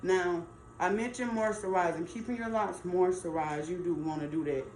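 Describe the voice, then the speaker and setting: A woman's voice: lowish voice, steady tone, moderate pace, darkish tone. A middle-aged woman gives casual, chatty advice as a hair stylist, emphatic and folksy, repeating points for stress. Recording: roomy echo, faint background noise.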